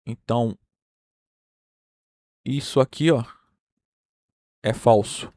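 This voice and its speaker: A Brazilian man lectures through a number theory proof at an unhurried pace, pausing often to check that his listeners follow. His voice sits at an ordinary middle pitch, recorded dry and close with little room sound. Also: warm tone, no room sound. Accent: Brazilian Portuguese. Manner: explains step by step, checking in with "tá?" and "né?". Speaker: university math lecturer.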